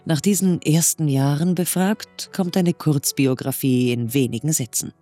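A man narrating and asking questions in a measured, scripted documentary style. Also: a little high, warm tone, soft background music. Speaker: narrator and interviewer.

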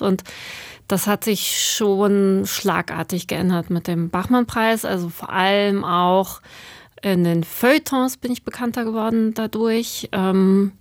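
Brief: woman author in her thirties from Germany, interview guest, reflective and hesitant, mid-pitched voice, dry close mic. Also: dry recording. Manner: thoughtful, searching for words with many fillers.

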